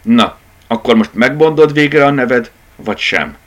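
A man's voice: mid-range voice, a bit bright, pitched above the performer's own voice, close to an everyday voice. A man voicing a grumpy plush dachshund who growls and scolds, in a children's storybook reading. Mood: grumbling. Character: grumpy plush dachshund toy guard, male.

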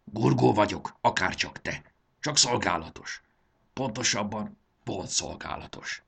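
A man's voice: fairly low pitch, animated, vocal fry, fairly bright tone, slightly rough, heavily acted. A man doing an earnest young gurgó. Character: earnest young male gurgó former servant. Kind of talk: audiobook character voice.

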